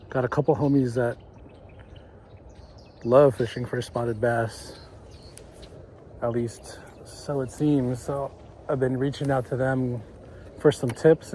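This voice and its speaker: A man in his thirties talking casually to the camera while fishing at a lake, relaxed and thinking out loud. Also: medium pitch. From California. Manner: relaxed, thinking aloud, chuckles. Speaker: fishing vlogger. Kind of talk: casual vlog narration. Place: outdoors at a lakeshore. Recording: faint outdoor noise.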